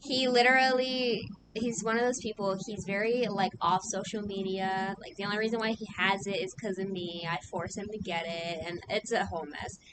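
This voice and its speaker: A woman co-hosting a podcast, chatting casually and telling animated stories with plenty of swearing. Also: medium pitch, moderate pace, few pauses, background noise. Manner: animated storytelling, frequent swearing. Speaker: podcast co-host. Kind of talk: casual chat.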